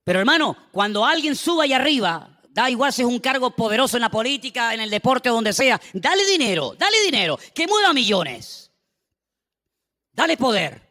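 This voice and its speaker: A man preaching a sermon as pastor, animated, acting out biblical voices and throwing asides to his congregation. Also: very high-pitched, normal speed. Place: church with long reverb. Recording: long reverb of a church hall.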